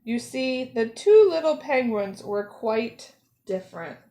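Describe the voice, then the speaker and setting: Here a storyteller who works as a zoo educator shares a picture book with children. Her pitch sits a bit high, her pace is slow, and she gives each phrase expressive, careful shaping for the little ones.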